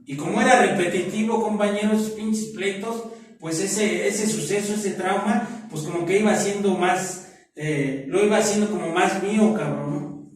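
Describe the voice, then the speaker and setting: Speaking at a moderate pace in a high-pitched voice, a middle-aged Mexican man gives his testimony to a support group. His speech is rough and profane, tagged almost constantly with "¿no?" and "¿verdad?", and the distant mic picks up an echoey room.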